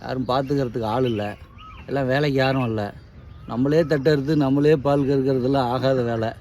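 A man's voice: mid-range voice, fairly even intonation, brisk, a little mellow. Man, casual and matter-of-fact, outdoors with faint background noise. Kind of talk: casual chat. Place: outdoors on a farm.

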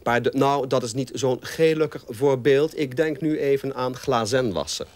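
An actor playing a pompous, lecturing language scholar in a comedy sketch interview. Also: male voice, medium pitch, steady tone, normal speed, darkish tone, no room sound, natural voice. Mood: pedantic. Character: pedantic male language scholar doctor. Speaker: language expert guest.

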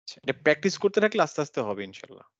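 A man teaching a live online class on Quran recitation. He explains each rule patiently, step by step, and chants the examples slowly with a nasal hum. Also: fairly high pitch, very animated, no echo. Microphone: video call. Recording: dull lo-fi video call audio.

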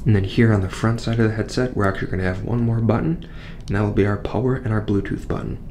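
A man's voice: lowish voice, fast, a little hiss or hum. A young man presenting a product in a small studio, seated at a desk and walking through its features one step at a time. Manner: steady, explanatory, walks through features step by step. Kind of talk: scripted product unboxing.

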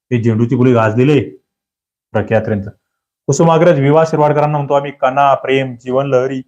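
A man giving an online exam-prep lecture, drilling grammar questions with lively, rising emphasis and questions to his students. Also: mid-range voice, muffled recording.

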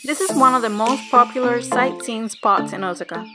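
A woman's voice: fairly high pitch, moderate pace. A woman in her thirties presenting a sightseeing tour as a travel show host in scripted narration. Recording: loud music and crowd behind. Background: background music.

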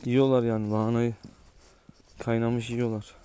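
A man vlogging outdoors in the snowy countryside with his dogs, talking calmly in a low, even voice. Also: moderate pace, clean tone. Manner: calm and low when talking to camera, yelling at the dog. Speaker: dog owner vlogger. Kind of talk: casual outdoor vlog.

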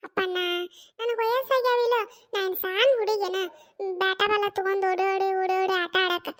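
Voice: extremely high pitch, steady tone, moderate pace, fairly bright tone, voice pushed down. A performer voicing an old cartoon grandmother with a North Karnataka Kannada accent who coaxes and soothes a grandchild and complains of aching legs. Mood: pleading. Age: older. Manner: pleading, coaxing, soothing. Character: old village grandmother, tired legs, gentle. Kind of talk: cartoon character voice.

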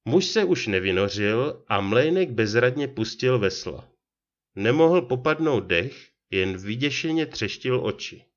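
A man reading a short horror story aloud in a steady, measured narration, on a dull lo-fi recording. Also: medium pitch. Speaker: audiobook reader.

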